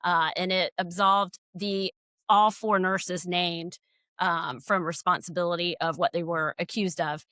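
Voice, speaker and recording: A middle-aged woman from Georgia with a Southern accent, a nurse giving a relaxed interview with fillers and trailing sentence ends. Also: fairly low pitch, a little slow, no room sound. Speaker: guest, nurse and legal nurse consultant. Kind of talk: casual interview conversation.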